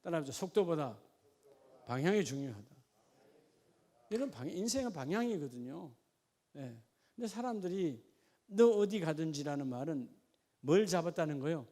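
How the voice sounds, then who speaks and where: A man preaching a sermon, asking the congregation questions in a folksy way and at times dropping to a quiet, chatty aside. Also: a little high, big pitch swings, moderate pace, long pauses. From Gyeongsang region of Korea. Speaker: pastor.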